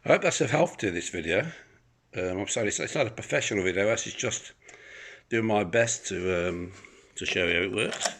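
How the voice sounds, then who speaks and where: Expressive and a little fast, a man with a fairly low, fairly bright voice walks through an item he's selling, with slight background noise. The demonstration is casual, unscripted, rambling and hesitant, shot on the handheld phone he holds behind the camera in his apartment living room.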